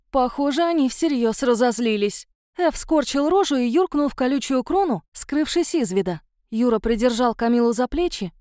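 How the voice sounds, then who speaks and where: Expressive woman narrating a fantasy audiobook. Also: high-pitched, dry recording, studio quality. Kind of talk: first-person audiobook narration.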